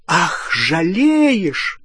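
A man's voice: huge pitch swings, very slow, a bit bright, slightly rough, no room sound, clean studio sound, heavily acted. A man voicing a shrieking furious teenage witch. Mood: sarcastic. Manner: shrill, screaming, sarcastic. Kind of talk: audiobook role reading.

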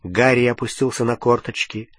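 Husky-voiced man reading an audiobook. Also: mid-range voice, steady tone, normal speed, dry recording, studio quality. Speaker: audiobook narrator.

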